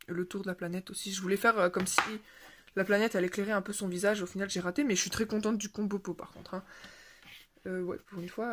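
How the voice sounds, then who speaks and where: A woman's voice: mid-range voice, slight background noise. A woman chatting casually as a coloring vlogger, rambling and hesitant with many fillers and self-corrections, with a self-deprecating chuckle now and then. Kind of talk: casual show-and-tell chat.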